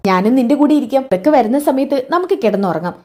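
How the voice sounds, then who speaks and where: A woman voicing a married man who calmly reassures his wife and worries about his brother. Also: a little high, very fast, natural voice. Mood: concerned.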